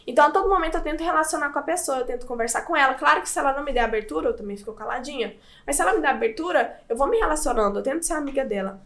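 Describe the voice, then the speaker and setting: A woman from Goiânia speaking tells a personal story as a makeup artist. She talks quickly, in a voice a little higher than most women's. She stays earnest and heartfelt and keeps checking in with "you know?". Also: fairly bright tone. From Brazil (Goiânia).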